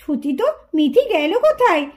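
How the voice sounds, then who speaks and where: A woman's voice: high voice, very animated, fairly quick, darkish tone. A woman voicing a strict, angry mother in a puppet cartoon who scolds and threatens her daughter. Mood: angry, threatening.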